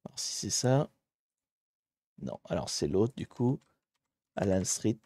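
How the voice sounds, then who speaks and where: A man streaming live, chatting with his viewers as he hunts through online maps and grumbles at the software. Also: fairly low pitch, lively intonation, takes it slowly, vocal fry, no room sound, clean studio sound. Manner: chatty, talks to chat while searching maps, mildly exasperated. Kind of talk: live-streamed geography puzzle commentary.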